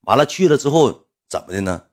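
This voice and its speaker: A man's voice: mid-range voice, expressive, a little fast. A man with a Northeastern Mandarin accent telling a casual spoken anecdote, rambling and repeating himself with lots of fillers. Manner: rambling, repetitive, full of fillers. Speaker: storyteller.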